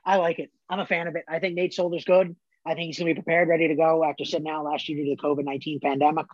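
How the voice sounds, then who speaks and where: A man's voice: on the high side, flat delivery, very fast, no echo, highs cut off. Opinionated man debating football, dry sound. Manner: emphatic, opinionated, bold predictions. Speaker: co-host. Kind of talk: sports talk show debate.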